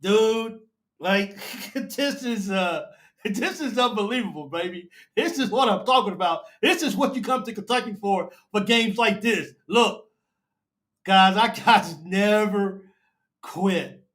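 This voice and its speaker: A man hosts a live fan show, excited and emotional, repeating himself and calling listeners baby and bro. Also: high-pitched, measured pace.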